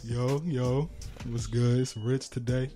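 A man's voice: medium pitch, fairly even intonation, slow, over music. A young man co-hosting a podcast, chatting casually in slang and laughing often. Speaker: podcast co-host. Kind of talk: casual chat.

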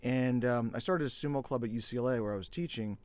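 A middle-aged man from the United States, a podcast guest who tells his story in a relaxed, self-deprecating way. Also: mid-range voice, fast talker. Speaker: podcast guest, sumo federation founder. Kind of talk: casual interview talk.

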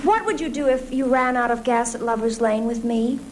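An actress playing a flirty, giggly dating show contestant in a TV comedy sketch, on a vintage broadcast with an audience. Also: female voice, on the high side, brisk, a little hiss or hum, lightly acted.

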